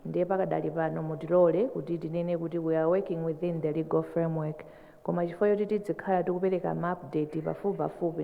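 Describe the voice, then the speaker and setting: A woman with a Malawian accent answering formally at a press briefing as an election official, in a measured, explanatory way, mixing two languages. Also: on the low side, gravelly. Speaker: election commission chairperson. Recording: echoey hall, thin phone-like sound.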